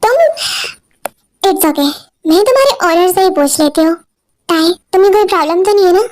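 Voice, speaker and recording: Girl voicing a pushy sweet-talking young woman, begging tone, super high. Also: moderate pace, a little mellow, no room sound. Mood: pleading. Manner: pleading, wheedling. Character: clingy, pushy young woman, childhood friend.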